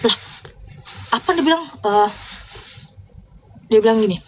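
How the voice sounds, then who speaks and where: A woman's voice: a little high, animated, measured pace, a little hiss or hum. A young woman chatting on a live stream, answering viewer comments and telling gossip. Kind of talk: casual live-stream chat.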